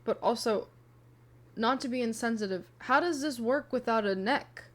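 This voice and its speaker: A woman's voice: fairly high pitch, moderate pace, fairly bright tone. A young woman streaming a game live, reacting with bewildered questions and talking to her chat. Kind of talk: live gameplay commentary.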